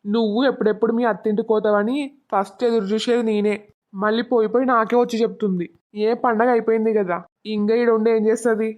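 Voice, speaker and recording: A woman's voice: a little high, fairly even intonation, fast talker, a little mellow, close to an everyday voice. A woman voicing a stern angry village father. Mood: scolding. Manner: scolding, blunt. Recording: dull lo-fi recording.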